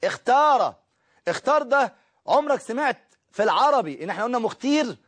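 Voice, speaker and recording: Egyptian male grammar teacher, high-pitched, brisk, step-by-step explainer. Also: sing-song, a bit bright. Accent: Egyptian Arabic. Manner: explains step by step, checks in with students. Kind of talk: recorded grammar lesson.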